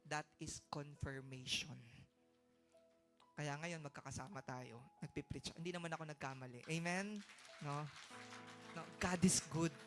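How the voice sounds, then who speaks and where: A man with a Filipino accent delivers a sermon in a church sanctuary, sharing his testimony and urging the congregation on. His voice is bright and forward, swinging from hushed storytelling to loud exhortation. Faint music plays behind him. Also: a little high, a little slow, long pauses. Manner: switches between soft storytelling and loud exhortation, calls for amens. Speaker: pastor.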